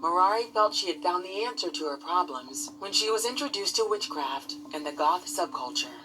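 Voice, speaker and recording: A woman narrates a scripted documentary in a measured, composed delivery. Her voice sits a little low. A clear music bed plays underneath. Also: lively intonation, low-quality recording.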